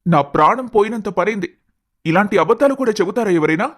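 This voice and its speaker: A man's voice: high voice, expressive, brisk. A man voicing an earnest, lovestruck young man who speaks in a pleading way. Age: young adult.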